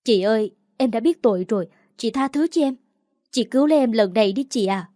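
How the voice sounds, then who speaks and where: A woman's voice: on the high side, animated, fairly quick, warm tone, no room sound, studio quality, natural voice. A woman narrator voicing a desperate younger sister who begs in a tearful, pleading way. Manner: tearful, begging.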